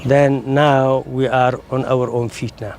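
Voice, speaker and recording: A man from Somaliland explaining his homeland's history in a measured way, pausing with many fillers. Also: mid-range voice, little pitch movement, darkish tone, a little hiss or hum. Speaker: local interviewee.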